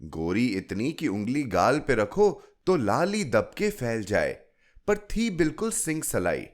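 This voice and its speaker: A man's voice: medium pitch, very animated, slow. A man voicing a coaxing woman of fifty. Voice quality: coaxing, storytelling lilt.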